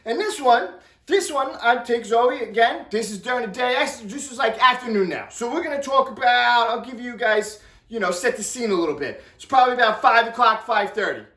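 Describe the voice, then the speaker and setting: A man telling personal stories to viewers in an animated, exaggerated way, with sound effects. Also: extremely high pitch, fairly quick. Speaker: storyteller vlogger. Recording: roomy, distant mic.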